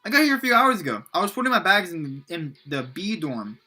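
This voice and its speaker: A man voicing an excitable teenage boy with wolf ears, in a high-pitched voice and a laid-back, loud manner. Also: fairly quick, husky, soft background music, exaggerated voice. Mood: friendly.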